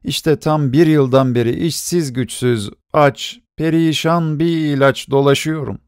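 A man's voice: on the high side, fairly even intonation, a little slow, a little mellow, smooth, no echo, clean studio sound, voice pushed up, close to an everyday voice. A man voicing a young drunken beggar who pleads and stammers. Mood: pleading.

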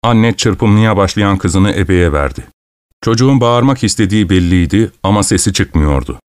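A man narrating a first-person story in a measured, firm way. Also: low-pitched, lively intonation, clear, resonant tone, dry recording, clean studio sound.

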